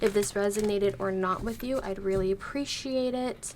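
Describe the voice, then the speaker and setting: A woman talks through a tarot reading at an easy, careful pace, sparing a voice that is slightly hoarse from being sick. Her pitch sits in the middle and her tone stays gentle. A faint hiss of noise runs under her voice. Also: normal speed. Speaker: tarot reader.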